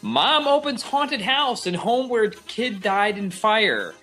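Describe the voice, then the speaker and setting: A man's voice: high-pitched, very animated, slow, sharp tone, faint music behind, poor audio. A man co-hosting a live comedy stream, joking and throwing in playful interjections. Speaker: podcast co-host. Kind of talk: casual live-stream chat.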